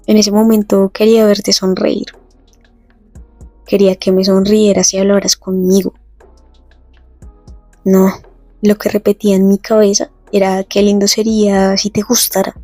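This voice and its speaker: A woman's voice: mid-range voice, little pitch movement, mellow, no echo, faint music behind. Dry-voiced woman recapping a comic. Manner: chatty, reads lines slowly. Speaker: narrator retelling a comic. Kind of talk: casual comic recap with read-out dialogue.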